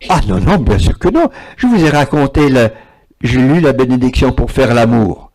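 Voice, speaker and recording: Animated husky man. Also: medium pitch, moderate pace. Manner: animated, repeats words for emphasis. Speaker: spiritual speaker. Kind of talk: lecture with audience questions.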